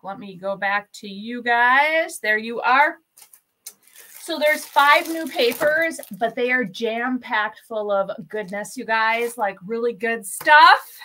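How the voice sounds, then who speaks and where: A woman's voice: fairly high pitch, sharp tone, low-quality recording. A woman hosting a casual craft livestream, bubbly and chatty, greeting viewers by name with lots of ums. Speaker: craft shop livestream host. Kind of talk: casual live-stream chat.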